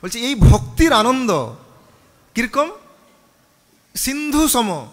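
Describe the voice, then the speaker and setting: A monk with a very high, fairly bright voice speaks slowly with big pitch swings, a long reverb tail trailing his words. Preaching on scripture, he poses questions to the audience and leads them in call-and-response mantra chanting.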